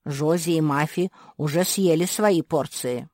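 A woman voicing a thoughtful male cat who speaks in a slow, measured way. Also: sits low, a little mellow, no echo, clean studio sound. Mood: calm.

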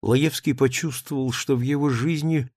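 A man narrating a literary audiobook in an expressive storytelling manner, recorded on a close studio mic. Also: medium pitch, moderate pace, no room sound.

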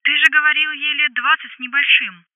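A woman's voice: sits high, fairly even intonation, brisk, dry recording, pitched above the performer's own voice. A woman voicing a brash, blunt grown woman talking over the phone in an audiobook, with a telephone filter on her voice. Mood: angry. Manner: blunt, scolding. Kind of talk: audiobook dialogue. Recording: tinny phone line.

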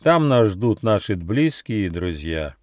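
Guy doing a little gnome, polite and earnest, soft-spoken, dry close mic. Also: on the low side, sing-song, unhurried, dry recording. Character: small polite male gnome, earnest and gentle.

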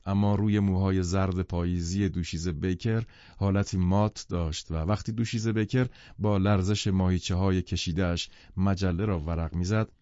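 Low, dark-voiced male audiobook narrator. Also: no echo, lo-fi sound.

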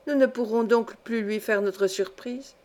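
A woman's voice: fairly high pitch, unhurried, darkish tone, lightly acted. A woman reading the lines of a frightened, tearful young boy in a storybook, in a self-reproaching manner. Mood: tearful, despairing.

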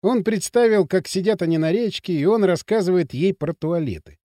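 A man narrating an audiobook in an even, measured storytelling manner. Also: sits high, no echo, clean studio sound. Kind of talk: scripted narration.

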